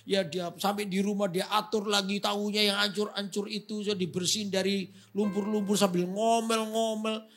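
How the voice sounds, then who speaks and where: A male pastor telling a story in a sermon, swinging from hushed narration to shouting. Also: high voice, level tone, normal speed, soft background music.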